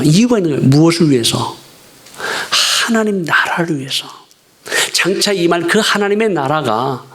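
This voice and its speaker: A middle-aged man delivers a sermon in a fairly high voice. He preaches earnestly, pleads at times and drives points home by repeating lines. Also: fairly bright tone. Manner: earnest preaching that swings from pleading to emphatic repetition. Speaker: missionary preacher.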